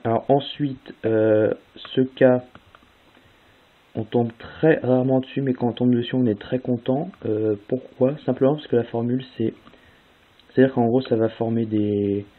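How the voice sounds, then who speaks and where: Over tinny, lo-fi phone-like audio with faint hiss, a young speedcubing tutorial host explains a solving method at an unhurried pace. His medium-pitched voice stays steady as he casually spells out move sequences one step at a time, using fillers along the way.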